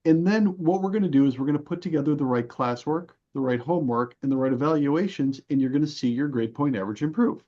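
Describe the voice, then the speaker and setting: Talking fast with hardly any pauses, this podcast guest has a slightly high voice with a dark tone. He's a health and fitness coach giving an emphatic, teacherly explanation peppered with rhetorical questions, captured on dull, band-limited audio.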